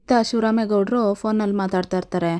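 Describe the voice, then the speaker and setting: Female storyteller, casual serial recap, mellow and flat. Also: mid-range voice, fast talker. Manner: steady retelling, "she says" framing.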